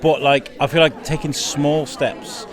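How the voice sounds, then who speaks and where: Amid the festival crowd's chatter and outdoor-like hubbub at a busy wellbeing venue, this podcast host chats casually with his guest in a rambling, appreciative manner. His voice is a little high, steady in tone and a little slow.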